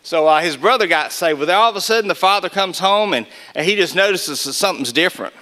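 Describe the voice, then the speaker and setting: Male speaker, folksy storyteller, clear forceful voice, a touch higher than most men. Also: animated, fast talker. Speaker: Gideons speaker. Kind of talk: storytelling testimony talk.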